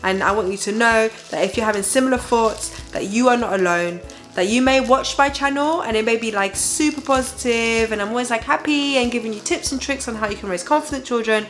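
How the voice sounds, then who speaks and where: A young woman with a slightly high voice talks as a tired, worn-out parent having a candid rant. She is conversational and emphatic, addressing viewers directly like a confessional parenting vlogger, with music in the recording. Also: a little fast, fairly bright tone. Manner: exhausted, weary parent venting candidly. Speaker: parenting vlogger and host, mother of a baby. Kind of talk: casual confessional chat to viewers.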